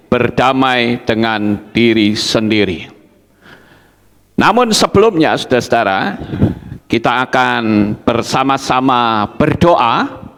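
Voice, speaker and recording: A man leading a church service as pastor, speaking deliberately and often addressing the congregation directly. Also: mid-range voice, fairly bright tone. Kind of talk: sermon and church announcements. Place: church hall. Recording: church hall reverb.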